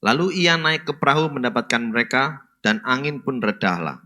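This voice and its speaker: A man reading scripture aloud in church at a steady, even pace. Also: mid-range voice, normal speed.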